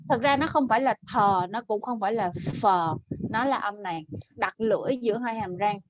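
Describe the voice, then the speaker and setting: A woman teaching an online English class over a video call, correcting pronunciation and modelling words slowly. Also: a little high, muffled recording.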